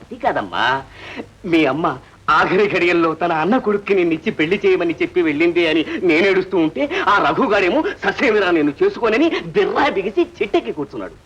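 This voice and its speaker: An actor playing a pompous, boastful father with a husky voice in an old film. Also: high-pitched, animated, quick pace, a bit bright, lo-fi sound, slight background noise. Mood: aggrieved boasting. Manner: pompous, blustering. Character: boastful proud middle-aged father of a lawyer daughter.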